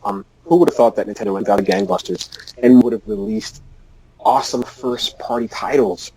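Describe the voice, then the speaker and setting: Fast talking guy, eager gamer chat, stumbles on words a bit. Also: fairly low pitch, noisy background. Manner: enthusiastic, trips over his words. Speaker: podcast co-host. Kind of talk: casual gaming chat.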